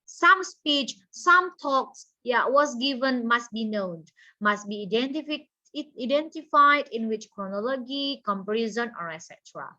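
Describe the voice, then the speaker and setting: A woman's voice: fairly high pitch, lively intonation, slow pace, sharp tone. A woman English teacher with an Indonesian accent, giving an online class lecture and repeating each point in two languages. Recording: dull lo-fi audio.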